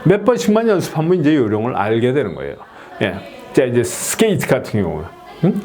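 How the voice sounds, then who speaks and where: A man's voice: medium pitch, huge pitch swings, darkish tone. A Korean man lectures on his own pronunciation method. He keeps asking his listeners to confirm and repeats each practice word several times. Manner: slow, deliberate drilling of single words. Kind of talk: video lecture explaining slides.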